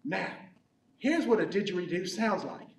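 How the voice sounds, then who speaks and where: A man playing a goofy, bumbling croc-hunting adventurer for a kids' comedy skit, rambling with deadpan jokes. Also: high-pitched, moderate pace, creaky. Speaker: children's ministry skit character. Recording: echoey hall from far off.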